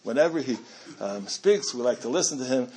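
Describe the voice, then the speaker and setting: A man's voice: medium pitch, animated, fairly quick, a little mellow, slightly rough. A middle-aged man giving a storytelling talk to a community audience, chatty and self-amused, with frequent restarts.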